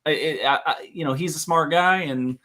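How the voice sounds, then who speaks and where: A man's voice: on the high side, moderate pace, bright, forceful tone. A man hosting a casual talk show, chatty and laughing often, hedging with "right?". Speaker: podcast host. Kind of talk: casual chat.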